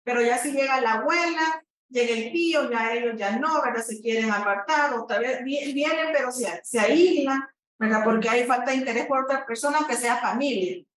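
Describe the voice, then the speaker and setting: A woman's voice: on the high side, moderate pace, a bit bright. A woman therapist giving a lecture, explaining at length and often checking in with the audience. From El Salvador. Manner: explanatory, frequent "¿verdad?" tags and fillers. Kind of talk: teaching presentation. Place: lecture room. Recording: echoey room, voice far from mic.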